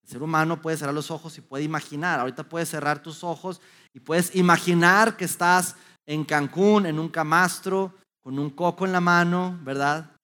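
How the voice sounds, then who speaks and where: A middle-aged man gives a motivational talk to an audience. He tells stories in an animated way, with many restarts. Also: on the high side, moderate pace. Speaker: youth speaker.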